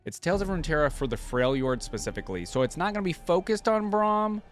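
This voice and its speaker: A man hosts a reaction video, tossing out casual, slangy running asides in a high-ish voice with lively intonation and a quick pace. Music from the video he's watching plays in the background.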